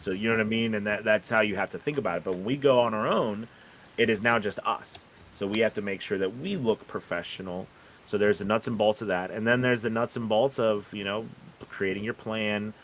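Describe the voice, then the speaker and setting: A man's voice: lowish voice, a little fast, fairly bright tone, a little hiss or hum, low-quality recording. A man hosting a casual live stream, talking in a rambling way and often checking in with "you know" and "right". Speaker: live show host.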